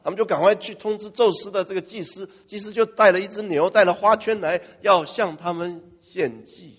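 A man's voice: high-pitched, a little fast. Joking male pastor in a reverberant hall. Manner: lively, joking, asks the congregation questions. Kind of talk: preaching a sermon. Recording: long church-hall reverb.

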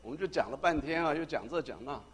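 Man, pastor, sermon testimony, lively storytelling, acts out dialogue, slightly high voice. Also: fast talker, husky.

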